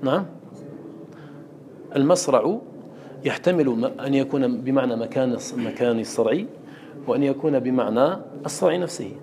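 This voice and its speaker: A man's voice: mid-range voice, animated, normal speed, long pauses, dark tone, a little hiss or hum. A man teaching a class on Quran recitation. He explains terms, quotes verses and checks understanding with questions. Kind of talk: classroom lesson.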